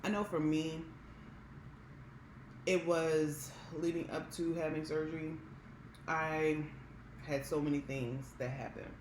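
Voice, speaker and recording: A woman's voice: low-pitched, steady tone, slow pace, pauses often. American woman chatting candidly in an echoey room. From Maryland, United States. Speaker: vlogger. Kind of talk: casual mukbang chat to viewers. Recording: roomy echo with background hiss.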